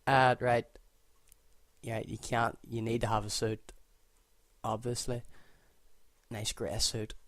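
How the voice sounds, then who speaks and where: Setting up a football game, a man from Northern Ireland gives casual gameplay commentary as a gaming creator, relaxed and thinking aloud, often correcting himself mid-sentence. He talks slowly at medium pitch with long pauses, and there's no echo.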